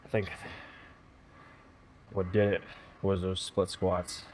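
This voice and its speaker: A man's voice: low voice, completely flat delivery, slow pace, darkish tone, a little hiss or hum. A man vlogging casually at the gym between sets, out of breath and restarting his sentences. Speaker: fitness vlogger. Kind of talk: casual gym vlog talk.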